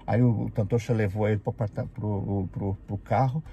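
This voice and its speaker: A man from Brazil with a Brazilian Portuguese accent, telling an animated story casually and acting out the people in it. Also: on the low side, moderate pace, muffled recording, slight background noise. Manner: animated, acts out the people in his stories. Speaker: vlogger.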